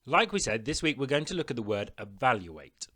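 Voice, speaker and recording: A man delivering a recorded classroom lesson in a clear, instructive way. His pitch moves a lot, rising and falling as he talks pupils through each step. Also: big pitch swings, brisk, sharp tone. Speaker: teacher.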